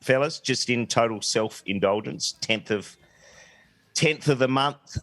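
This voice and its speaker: A man's voice: medium pitch, a little slow, a bit bright, no room sound. A man co-hosting a casual podcast in a blokey, irreverent way. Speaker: podcast host. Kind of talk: casual chat.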